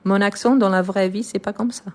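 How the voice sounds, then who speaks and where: A woman with French and Brazilian roots teaching French grammar in a live online lesson, speaking slowly and deliberately with frequent fillers and restarts. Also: mid-range voice, fairly even intonation, a little mellow. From France and Brazil. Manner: slow, deliberate, explanatory with many fillers.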